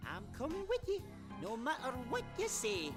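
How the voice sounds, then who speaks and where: A pushy, talkative fortune-teller machine, voiced by a woman for a fan-made game voice mod. Its voice sits high and leaps wildly up and down as it eagerly offers readings. Game music plays clearly behind it. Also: huge pitch swings. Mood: insistent. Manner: eager, pushy, quick to laugh.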